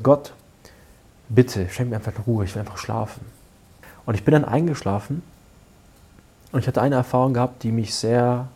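A man tells a personal story in an earnest, unhurried way, often trailing off into hushed asides and restarting his sentences. His voice is mellow and somewhat husky, with a soft, slightly breathy edge. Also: mid-range voice. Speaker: guest telling a personal story. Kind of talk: casual spoken storytelling.

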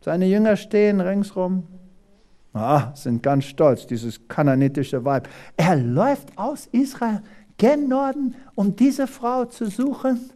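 A preacher from South Africa delivers a dramatic sermon with scripture readings. The voice swoops widely in pitch, pausing for rhetorical questions and pressing each point home. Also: animated, mellow. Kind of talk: animated sermon with Bible reading.

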